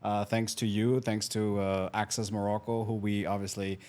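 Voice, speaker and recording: A man's voice: on the low side, flat delivery, normal speed, a little mellow. A middle-aged man from Germany, a hotel marketing guest in a casual interview, talking with many fillers and restarts. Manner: chatty, frequent fillers and restarts.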